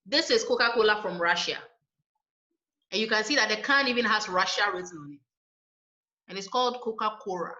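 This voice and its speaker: A woman lecturer giving a university lecture, explaining points in a measured way and checking in with "right?". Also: medium pitch, expressive, bright, forceful tone. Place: lecture room. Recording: echoey room, dull lo-fi sound.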